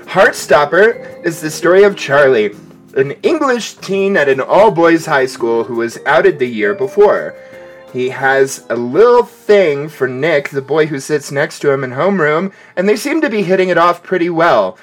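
Animated, playful podcast host. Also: male voice, on the high side, normal speed, soft background music. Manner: playful, animated, laughs often. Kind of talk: casual podcast chat.

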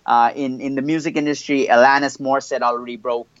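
A man's voice: medium pitch, little pitch movement, fast talker, no echo. Slangy French-Canadian man, dull dry audio. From Canada (Montreal). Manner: slangy, rambling with restarts and "you know what I'm saying". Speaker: interview guest, hip hop artist. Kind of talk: casual interview chat.

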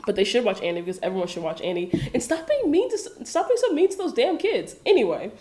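A woman's voice: on the high side, big pitch swings, fast, mellow. A woman co-hosting a casual chat, giggling and telling the story with animation. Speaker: podcast co-host. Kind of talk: casual chat recapping a film.

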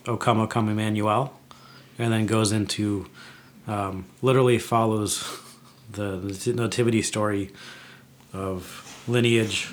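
A man co-hosting a podcast, explaining things in casual chat in a halting way. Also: lowish voice, steady tone, a little hiss or hum. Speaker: podcast co-host.

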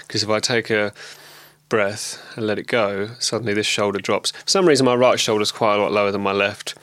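A man with a lingering cold talks in a relaxed, rambling way, full of ums and restarts, as in a personal video diary. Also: on the low side, no echo. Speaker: vlogger.

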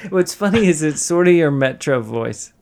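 A man's voice: fairly high pitch, expressive, moderate pace, creaky, darkish tone, slight background noise. A man co-hosting a podcast, tossing in teasing, dry remarks. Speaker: podcast co-host. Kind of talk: casual podcast banter.

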